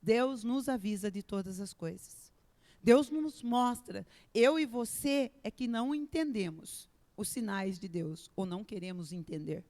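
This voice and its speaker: A woman with a Brazilian Portuguese accent preaching a live church sermon, expressive and dramatic, swinging between soft and loud delivery. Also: mid-range voice, unhurried. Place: church sanctuary. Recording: echoey church hall with long reverb.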